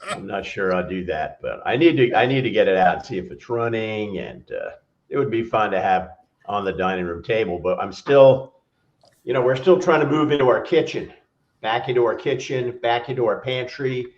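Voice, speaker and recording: A man's voice: lowish voice, expressive, moderate pace. A man in casual chat on a video call, rambling along in an easygoing, self-deprecating way. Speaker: regular panelist on a livestream. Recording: roomy, dull lo-fi call audio.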